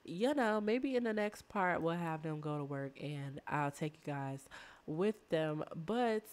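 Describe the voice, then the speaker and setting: Lady w a sick voice chatting thru her game, kinda low voice, bossing her characters around. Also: darkish tone, clear, resonant tone. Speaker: let's play host. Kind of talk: casual gameplay commentary.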